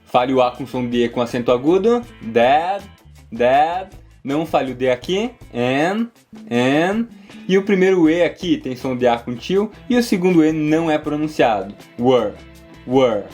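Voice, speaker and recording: A man with a Brazilian Portuguese accent teaching English in a video lesson, explaining clearly and slowing down to model each word. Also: on the high side, lively intonation, a little mellow, faint music behind. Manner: clear, slows down to model words.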